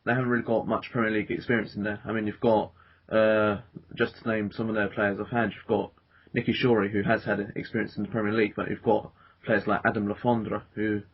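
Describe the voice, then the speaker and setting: A man's voice: on the low side, level tone, fast. A man hosting a casual football podcast, talking with many fillers and restarts. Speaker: podcast host. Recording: dull lo-fi podcast audio.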